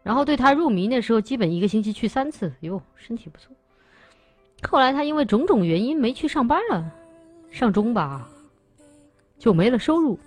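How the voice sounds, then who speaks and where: A woman's voice: on the high side, animated, brisk, pauses often, no echo, soft background music. A woman hosting a livestream, chatting playfully with her viewers and teasing them. She stammers and restarts, thanks donors and reads out their messages. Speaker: livestream host. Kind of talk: casual chat with viewers.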